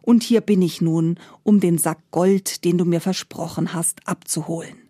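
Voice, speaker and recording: A woman's voice: lowish voice, normal speed, no room sound, studio quality, lightly acted. A woman voicing a breathless poor woodcutter. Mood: excited. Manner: excited, breathless, then angry.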